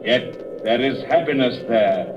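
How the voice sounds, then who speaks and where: An actor playing a commanding giant Christmas spirit in a stately, declamatory 1930s radio style. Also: male voice, mid-range voice, measured pace, natural voice. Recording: muffled, noisy, distant 1930s radio broadcast.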